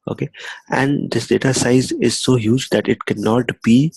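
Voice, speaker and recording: A man's voice: mid-range voice, steady tone, moderate pace, vocal fry, a little mellow, husky, dry recording, poor audio. A young man teaching a screen-recorded coding lesson, talking conversationally, adding "okay" often and restarting phrases. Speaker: instructor.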